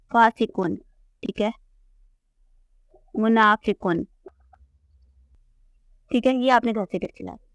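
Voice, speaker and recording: Using a chart in a classroom lesson, a woman teaches Arabic grammar with patience, repeating the word forms and checking on her students' understanding. Her pitch is fairly high, and the sound is dry.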